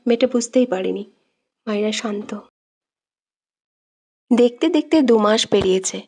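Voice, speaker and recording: A woman giving expressive, dramatic scripted narration of a romantic audio story. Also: fairly high pitch.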